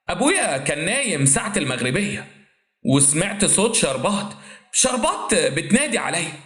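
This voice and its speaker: High, animated Egyptian male storyteller. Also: echoey room. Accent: Egyptian Arabic. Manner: emotional, repetitive dramatic narration. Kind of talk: dramatic first-person story narration.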